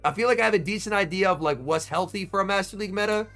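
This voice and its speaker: Slightly under the weather, a young man gives chatty, excitable live-stream commentary at a tournament watch party, answering his chat by name. His voice is high and very fast, with faint music behind him.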